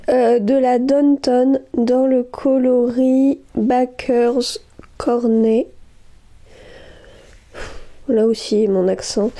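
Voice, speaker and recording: Her voice is fairly high but dark in tone as she chats casually in a home vlog about her knitting. She's hesitant, full of fillers and restarts, and keeps gushing.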